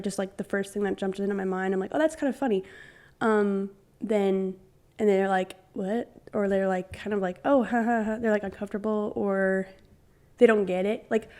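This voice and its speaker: A young woman co-hosting a podcast chats casually and relaxedly, rambling on in long stretches full of "like" and small acted-out quotes. Her pitch sits at an ordinary middle level.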